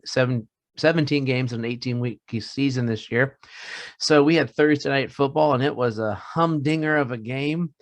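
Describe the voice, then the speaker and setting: A man's voice: mid-range voice, dry recording. A middle-aged man co-hosting a fantasy football podcast, chatting casually and joking at his own expense. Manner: rambling, joking, self-mocking. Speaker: podcast co-host. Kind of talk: casual sports chat.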